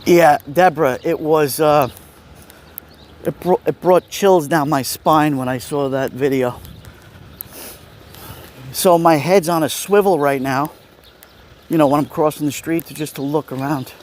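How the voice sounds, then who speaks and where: A Brooklyn Italian-American livestream host with a higher-pitched voice talks a little slowly and pauses often. Strolling a city street outdoors, he chats casually with viewers over street ambience and passing vehicles.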